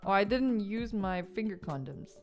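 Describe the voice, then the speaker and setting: A woman streamer with an expressive, mid-range voice talks at a moderate pace over music. Chatting casually from her home gaming room while building a model kit, she rambles, giggles, and says "um" a lot as she lists her things. She sounds stuffed up after a sneeze that never came.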